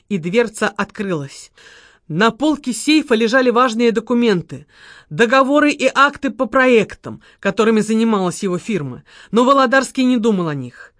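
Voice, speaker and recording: A woman narrating an audiobook in a steady, measured way. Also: medium pitch, no room sound, studio quality. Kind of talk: scripted narration.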